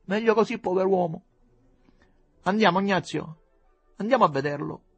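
A man voicing a frantic, tearful noblewoman who breaks into shrill outbursts. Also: normal speed, creaky, slightly rough, faint music behind, heavily acted. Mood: scolding.

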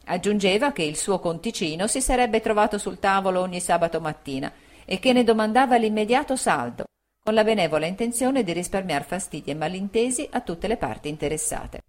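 A woman reading a classic novel aloud in a measured, expressive way. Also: medium pitch. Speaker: audiobook narrator. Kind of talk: scripted literary narration.

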